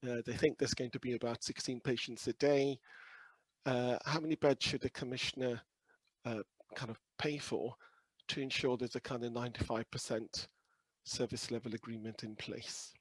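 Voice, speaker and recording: A man with a croaky, hoarse voice presenting a webinar over a video call in a humble, hesitant, explanatory way. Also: mid-range voice, fairly even intonation, normal speed, no echo, rough recording. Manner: humble, hesitant, softly hedging. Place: video call with screen sharing.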